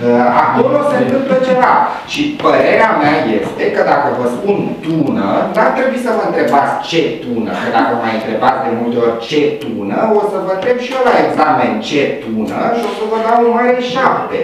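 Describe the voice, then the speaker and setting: A man's voice: on the high side, sing-song, hardly any pauses, slight background noise. A man giving a university lecture to students, explaining with playful examples and sound effects. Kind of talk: classroom lecture. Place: classroom. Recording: echoey room from far off.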